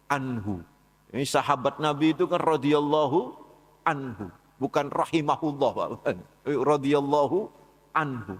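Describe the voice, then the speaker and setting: A man giving a casual, conversational talk at a dawn study session in a mosque, often calling on his listeners directly. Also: medium pitch. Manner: conversational, addresses listeners as "Pak" and "saudara" often. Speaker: preacher. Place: large mosque hall. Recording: long hall reverb.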